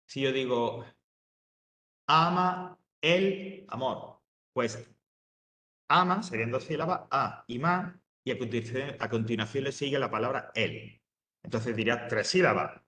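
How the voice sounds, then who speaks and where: Teaching a lesson to his students, this man has a mid-range, fairly bright voice with reverberant acoustics. His explanation proceeds step by step, punctuated by "¿vale?" check-ins, frequent fillers, and restarted sentences.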